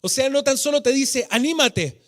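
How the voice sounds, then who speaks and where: Chilean male preacher, strikingly high pitch, emphatic and fervent, lingers on words in a singing cadence. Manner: fervent, drawn-out emphatic phrasing with sung cadences. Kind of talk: sermon. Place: church hall.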